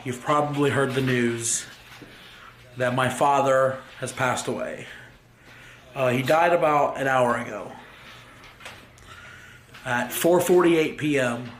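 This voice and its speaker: A young man speaking on his vlog in a halting, emotional way, fighting back tears. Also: medium pitch, a bit bright, slight background noise. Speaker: vlogger. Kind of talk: grieving personal vlog. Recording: roomy echo with faint ambience.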